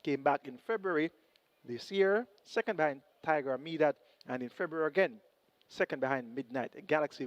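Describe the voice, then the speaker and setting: A man's voice: medium pitch, no room sound. A Jamaican man giving race preview commentary as a horse racing analyst. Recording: dull, band-limited broadcast audio.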